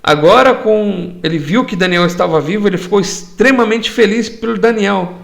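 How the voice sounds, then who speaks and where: Guy teaching bible study, high voice, kinda gravelly, keeps asking the room questions. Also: moderate pace. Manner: explains words with rhetorical questions.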